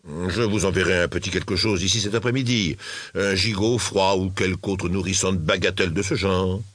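A man voicing a gruff, scornful older toy merchant in a storybook reading. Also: sits low, fairly even intonation, normal speed, a bit bright, no echo. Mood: pushy. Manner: grumbling, scornful, curt.

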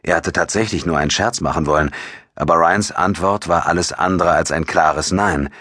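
Deep, husky male audiobook narrator. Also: normal speed, a bit bright, dry recording, studio quality. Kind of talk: scripted narration.

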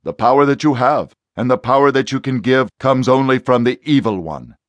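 A man voicing a stern, forceful exorcist. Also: mid-range voice, normal speed, dry recording, pitched above the performer's own voice, close to an everyday voice. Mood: commanding. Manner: forceful, insistent commands. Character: commanding male exorcist, stern and confident. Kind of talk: audiobook character voice.

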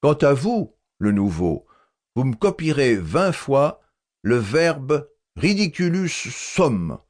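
A man's voice: medium pitch, sing-song, slow pace, voice pushed up. A man voicing a stern, irritable male schoolmaster who barks short commands at his class. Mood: stern, shouting.

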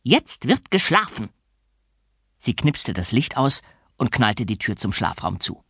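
A man narrating a children's audiobook in an expressive storytelling way. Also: lowish voice, measured pace, vocal fry, husky, no room sound, clean studio sound.

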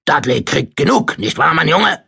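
A man's voice: fairly high pitch, big pitch swings, normal speed, creaky, sharp tone, husky, no room sound, clean studio sound, pitched above the performer's own voice, heavily acted. A man voicing a blustering, bullying middle-aged uncle who bellows his tirades in an audiobook. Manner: roaring, table-pounding tirades.

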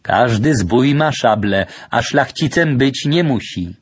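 A man's voice: medium pitch, expressive, slow, breathy edge, no room sound. A man voicing a suspicious, half-deaf old grandfather in an audiobook, asking fearful questions. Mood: wary.

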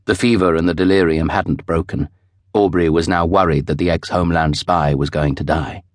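A man giving measured, expressive scripted narration of a novel for an audiobook. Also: low voice, no room sound, clean studio sound.

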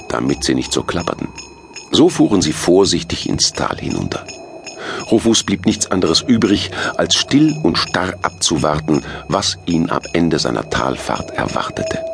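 A man reads a children's story aloud in a very deep, gravelly voice. His delivery is expressive, with lively pitch that rises and falls through the sentences. A faint hiss runs under the reading. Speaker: audiobook narrator. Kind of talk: children's audiobook narration.

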